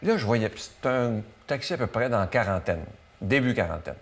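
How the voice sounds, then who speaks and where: A male talk show host with a Québécois accent, his voice sitting low but swinging widely in pitch as he tells a story. He talks casually and responsively with his guest. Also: animated, fairly quick, gravelly. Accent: Québécois French. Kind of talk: casual conversation.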